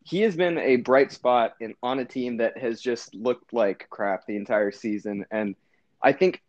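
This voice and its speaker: A man's voice: mid-range voice, unhurried, highs cut off. A man co-hosting a casual sports podcast, rambling and correcting himself as he talks through his team's season. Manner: rambling, self-correcting, animated. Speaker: podcast co-host.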